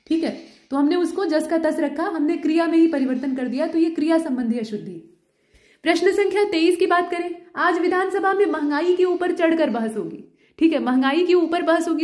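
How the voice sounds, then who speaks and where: A woman's voice: sits high, darkish tone, echoey room. A woman teaching Hindi grammar for an exam, explaining step by step and asking the listener questions. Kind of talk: exam-prep lesson.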